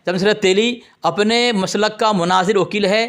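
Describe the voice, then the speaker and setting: A man with a fairly high voice argues in a heated religious debate. He is combative and accusing, pressing his opponent for proof. He keeps breaking off to address the listeners directly. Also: fairly even intonation, moderate pace, fairly bright tone.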